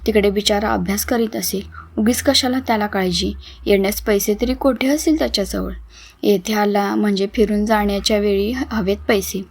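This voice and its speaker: Woman doing a frail, gentle mother, soft and weary, storybook reading, mid pitch. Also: normal speed, gravelly. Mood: tender.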